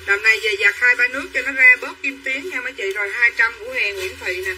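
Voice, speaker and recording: A woman with a fairly high, bright, pushed voice talks quickly, hawking clothes on a livestream in repetitive hard-sell chatter and greeting buyers by name. She's a bit off-mic, and the low-quality recording carries faint room noise.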